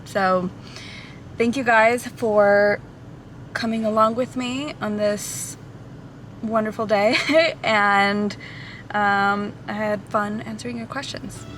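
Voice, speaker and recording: Slow and fairly even, this thirty-something Portuguese hairstylist has a mid-range, somewhat bright voice. She's filming a loose Q&A vlog on a camera mic from a café or car, dropping lots of ums and likes and laughing lightly, with slight noise behind her.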